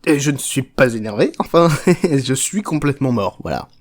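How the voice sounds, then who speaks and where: Dude playing a sweary unhinged chocolate factory boss, rambly and offhand, mid-pitched voice. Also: male voice, animated, moderate pace, lightly acted. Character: crude, foul-mouthed, unhinged chocolate factory owner. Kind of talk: comic parody storytelling.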